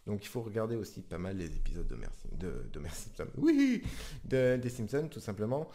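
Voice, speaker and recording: Gaming YouTuber, a man, loose and repetitive in a casual tutorial, warm, dark tone. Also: lowish voice, wildly swooping pitch, brisk.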